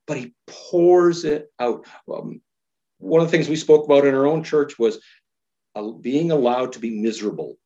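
A man, a pastor, talking earnestly and thoughtfully in a podcast conversation, slowing down to stress key words. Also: mid-range voice, a little mellow, lo-fi sound.

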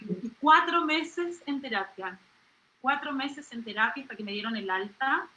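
A middle-aged Chilean woman in a studio interview, animated, exclaiming and acting out little voices as she talks. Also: high-pitched, a little slow, reverberant, slight background noise, rough recording. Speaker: singer and comedian guest.

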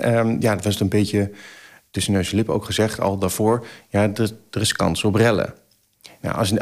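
With a fairly low pitch, a man in his forties tells a story as a podcast guest. He keeps it casual and animated, voicing the exclamations he once made, with frequent filler sounds.

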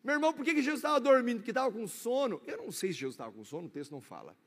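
High-voiced Brazilian pastor preaching in a hall. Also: male voice, big pitch swings, rapid-fire. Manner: dramatic preaching that swings between loud and hushed. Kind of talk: sermon. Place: church. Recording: echoey church hall.

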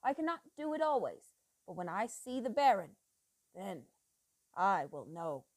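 A woman voicing a treacherous old male doctor who talks in low, slow, intense murmurs that flare into sudden loud bursts. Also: very animated, dry recording. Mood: menacing, obsessive.

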